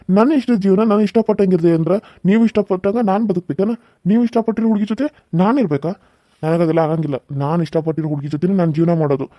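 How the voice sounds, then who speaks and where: A man's voice: fairly high pitch, no echo, lo-fi sound, close to an everyday voice. Man voicing an earnest pleading young son. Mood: firm. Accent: North Karnataka Kannada. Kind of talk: cartoon serial voice acting.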